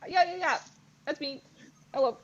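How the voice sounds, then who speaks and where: A woman's voice: sits high, normal speed, natural voice. A woman playing an eager young peasant boy who stumbles nervously through announcements. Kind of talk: improvised comedy acting. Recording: dull lo-fi recording, faint noise.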